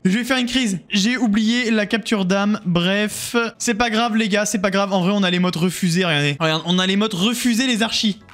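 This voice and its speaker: A man's voice: high voice, moderate pace, hardly any pauses, fairly bright tone. A man streaming a video game, joking with his chat in a casual, exclamatory way. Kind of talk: casual live-stream gaming commentary.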